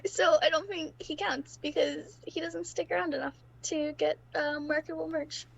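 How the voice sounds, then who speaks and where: A woman's voice: high-pitched, steady tone, moderate pace, gravelly, dull audio. A woman who is sick with a cough, chatting casually as a player on a tabletop show. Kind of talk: casual chat.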